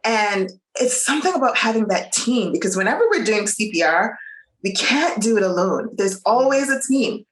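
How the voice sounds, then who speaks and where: A woman's voice: medium pitch, normal speed, reverberant, rough recording. A woman from Bermuda, a nurse and coach, giving an emphatic, preacherly motivational talk as an interview guest. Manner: animated, preacherly, emphatic with faith references.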